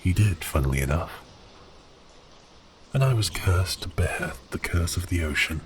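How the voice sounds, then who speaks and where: A man plays a giant cursed sea-beast prince in ASMR audio, his deep, expressive, breathy voice moving a little slowly through grand archaic lines and dipping into whispers. His teasing, theatrical manner turns wistful and resigned here, with background noise present.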